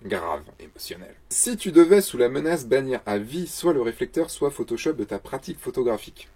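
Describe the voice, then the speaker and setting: A man's voice: mid-range voice, sing-song, fairly quick, dark tone, breathy edge. A man, a photographer and the show's host, answers viewer questions in a casual vlog, joking and mocking himself in a loose, chatty way.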